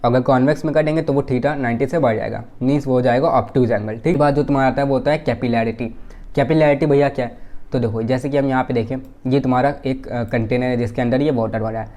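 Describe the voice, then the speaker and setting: A man's voice: mid-range voice, fairly even intonation, fast talker, mellow. A young man with an Indian English accent teaching a physics lesson step by step, asking questions and answering them himself. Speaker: physics tutor.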